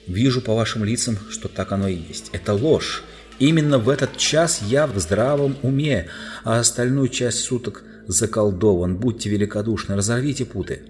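A man's voice: on the low side, normal speed, darkish tone, lightly acted. A man reading aloud and voicing a desperate, enchanted young knight who is tied to a chair, pleading passionately. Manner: impassioned, pleading then raging.

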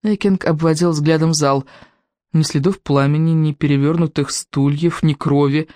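An audiobook narrator telling a story with expressive delivery. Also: mid-range voice, moderate pace, no echo, studio quality. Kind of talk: scripted narration.

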